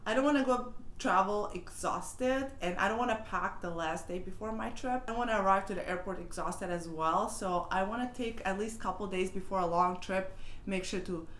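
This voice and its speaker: A woman's voice: medium pitch, brisk, fairly bright tone. A woman, sharing travel tips in a chatty, rambling way. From Serbia. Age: 30s. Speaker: travel vlogger. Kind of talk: casual talking-head advice vlog. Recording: echoey room with faint ambient noise.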